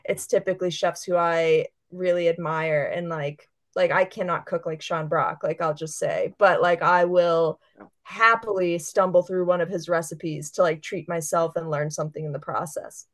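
A woman's voice: fairly low pitch, fairly even intonation, moderate pace. A woman chef as a guest, chatting casually and enthusiastically, filling her talk with "like". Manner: chatty, fillers of "like" throughout; enthusiastic, gushing. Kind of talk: casual interview chat.

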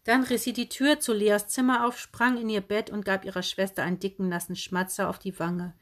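A woman narrating a children's book in a lively, expressive way. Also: mid-range voice, brisk. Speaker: audiobook narrator.

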